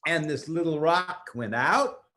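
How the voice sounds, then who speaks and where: An older man improvising a story for children in a folksy, expressive way, drawing words out for effect. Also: a little high, unhurried.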